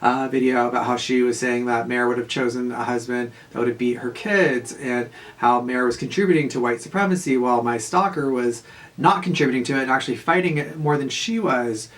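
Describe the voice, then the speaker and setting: A man, telling a casual, profane story in a rambling monologue full of fillers and quick laughs. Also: mid-range voice, a bit bright. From Southern California. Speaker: vlogger.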